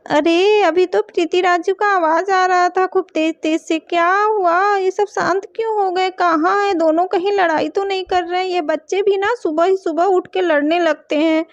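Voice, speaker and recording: A woman's voice: very high voice, fairly even intonation, normal speed, hardly any pauses, dry recording. A woman voicing a worried, caring mother in a doll story, talking urgently. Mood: anxious, urgent. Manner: urgent, fussing. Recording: dull dry home recording.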